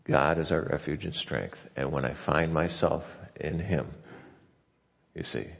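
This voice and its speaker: A low-voiced male pastor preaches in a folksy, chatty manner, stumbling and restarting as he goes. His voice is gravelly and a little husky. A long reverb from a church hall trails behind each phrase. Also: a little slow, fairly bright tone. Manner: conversational and folksy, with frequent restarts. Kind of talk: sermon. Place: church sanctuary.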